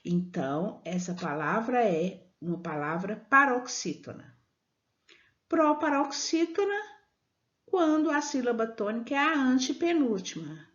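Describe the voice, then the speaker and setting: A woman teacher explaining a lesson to children, speaking slowly and deliberately and drawing out the example words. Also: fairly high pitch, very animated. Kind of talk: slow classroom explanation for children. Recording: dull lo-fi sound.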